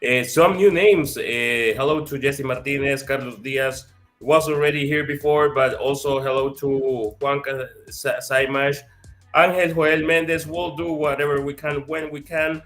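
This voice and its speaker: A man's voice: fairly high pitch, steady tone, measured pace, fairly bright tone, soft background music. A man co-hosting a casual sports talk show, friendly, reading out names of viewers in the chat. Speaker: co-host.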